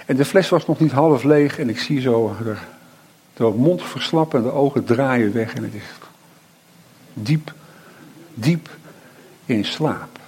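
A middle-aged man preaching a sermon, reflective, with slow emphatic pauses and frequent tag questions. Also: mid-range voice, a little mellow, husky.

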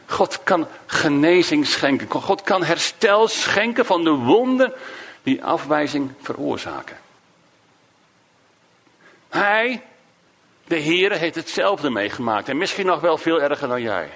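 Emotive Dutch-speaking preacher with lively pitch. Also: male voice. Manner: emotive, swinging between raised emphasis and hushed low phrases; slow, drawn-out delivery of quoted cries. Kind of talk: sermon.

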